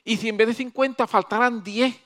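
A preacher doing a pleading old Abraham. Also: male voice, very high voice, fairly even intonation, fairly quick, sharp tone. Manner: pleading, coaxing.

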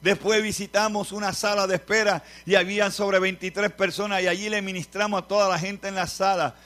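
A man with a Puerto Rican accent preaching a sermon as a pastor, telling a testimony with fervent, repeated phrases that swell into shouts. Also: high-pitched, flat delivery, a little fast. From Puerto Rico.

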